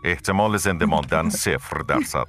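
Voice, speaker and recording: A man voicing the calm male computer of a cryo pod in a dubbed film, making measured machine announcements. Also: extremely low pitch, heavy background noise. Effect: calm machine system voice.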